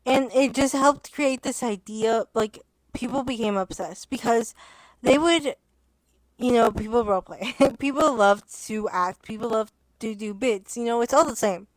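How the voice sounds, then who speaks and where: A woman's voice: fairly high pitch, unhurried, no echo. A young adult woman vlogging in a rambling casual chat, interrupting herself and swearing, as she starts to lose her voice. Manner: rambling, self-interrupting, swears and laughs often.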